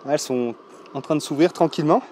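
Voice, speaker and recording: Man, vlogger, voice a touch high, loose and salty delivery full of fillers, recorded outdoors on windscreened mic. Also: fast talker, darkish tone, slight background noise. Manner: loose, salty speech with many fillers and swearing. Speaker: vlogger showing his land. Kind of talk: casual walk-and-talk vlog. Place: outdoors on rural land. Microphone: mic with foam windscreen.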